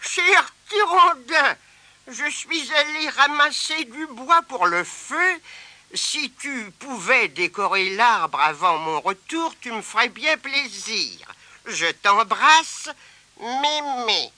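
A man voicing a kindly old grandmother in a storybook, fussy and high-pitched. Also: very animated, takes it slowly, sharp tone, no room sound, heavily acted. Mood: tender. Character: kindly old grandmother baking Christmas cake.

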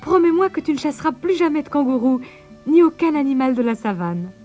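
A woman's voice: sits high, lively intonation, fairly quick, mellow, faint music behind, pitched above the performer's own voice. A woman voicing a brave little girl who loves animals, eager and pleading.

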